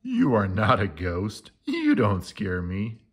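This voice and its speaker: A man's voice: lowish voice, wildly swooping pitch, slow, slightly rough, heavily acted. A man reading aloud as Morris, a naive, easily scared male friend who loves candy. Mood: eager. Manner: wide-eyed and easily scared.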